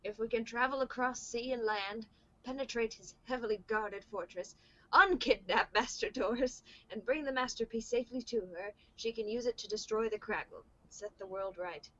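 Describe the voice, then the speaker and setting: A woman's voice: fairly high pitch, normal speed, fairly bright tone, highs cut off. A woman reading the lines of a wise old male wizard mentor in a casual script read-through, in her own voice. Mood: earnest.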